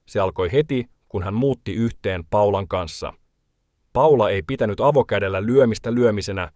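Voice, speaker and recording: Low-voiced man reading documentary narration. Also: darkish tone, dry recording, studio quality. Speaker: reporter narrating a feature.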